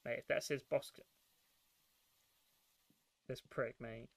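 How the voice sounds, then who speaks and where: A man's voice: mid-range voice, steady tone, slow pace, vocal fry, background noise. A man casually reacting on a game live stream, exasperated and swearing heavily. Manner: exasperated, foul-mouthed.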